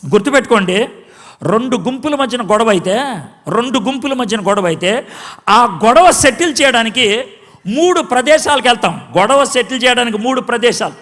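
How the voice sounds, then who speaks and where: A pastor giving a dramatic sermon, acting out quotes and swinging between shouts and hushed tones. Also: male voice, very high voice, lively intonation, fairly quick, in a large hall. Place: church hall.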